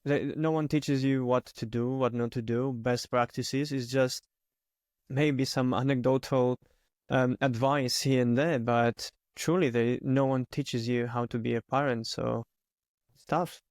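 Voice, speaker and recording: A man's voice: mid-range voice, steady tone, a little slow, darkish tone, no echo, studio quality. A man from Greece, hosting a podcast interview and reflecting thoughtfully. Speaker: podcast host.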